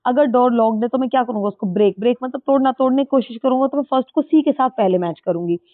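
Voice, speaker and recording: A woman teacher, explaining exam questions step by step, mixing Hindi with English and reading the English question text slowly. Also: fairly high pitch, no room sound. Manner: explains step by step, repeats answers, checks with "ठीक है". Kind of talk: exam-prep lesson in Hindi mixed with English. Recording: dry, tinny phone-like sound.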